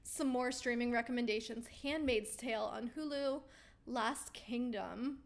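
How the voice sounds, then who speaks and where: Her voice going hoarse, a woman hosts a weekly live Q&A stream, chatting casually and reading out viewer comments. She speaks a little high and unhurried, staying chatty and upbeat with frequent ums and easy laughs.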